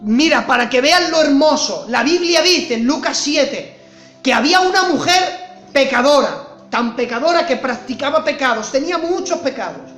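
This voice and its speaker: High-voiced impassioned male preacher. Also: expressive, normal speed, reverberant, soft background music. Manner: impassioned, swings from loud cries to hushed tones. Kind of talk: sermon.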